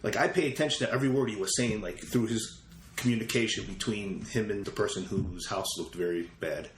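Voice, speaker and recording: A man with a fairly low voice speaks briskly as a real estate investor guest in a casual storytelling interview. He recounts stories and replays his past conversations with quoted lines. The recording has a roomy echo and faint ambient noise.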